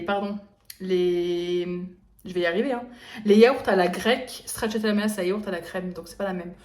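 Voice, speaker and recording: A young woman talks casually through her shopping haul, chatty and rambling, with plenty of hesitations. Her voice sits at an ordinary middle pitch. The room around her is noticeably echoey. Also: a little mellow. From eastern France. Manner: chatty, rambling with many fillers. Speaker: vlogger. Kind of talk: casual grocery haul vlog.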